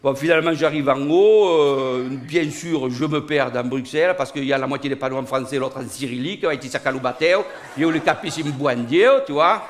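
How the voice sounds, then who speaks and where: A man with a Niçois southern French accent telling a comic monologue, animated and rising to loud outbursts. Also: medium pitch, fairly quick, few pauses. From Nice, southern France. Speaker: stand-up comedian. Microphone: studio recording.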